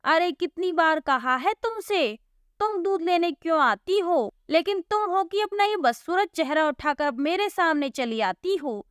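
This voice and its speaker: A woman voicing a boastful, rude young village milkman in a storybook cartoon, loud and mocking. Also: extremely high pitch, animated, measured pace, dry recording, clean studio sound.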